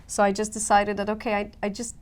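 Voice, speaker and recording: A woman in her thirties from Poland, speaking English with a Polish accent as a guest artist in a casual interview, animated, with many fillers and restarts. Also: mid-range voice, fast talker. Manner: animated, frequent fillers and restarts, laughs easily.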